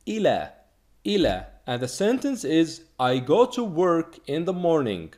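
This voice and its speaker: A man from Egypt, teaching a language lesson and slowly repeating each word to drill it. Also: a little high, darkish tone. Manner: slow, repeated drilling of words. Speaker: Arabic teacher.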